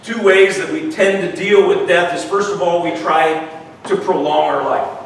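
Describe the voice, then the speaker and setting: A thin, weak-voiced male preacher gives a conversational sermon at a worship gathering in a large, echoey room. His voice sits high, with a steady tone and moderate pace. Picked up by a distant mic with faint noise, he repeats words and seeks agreement with "right?".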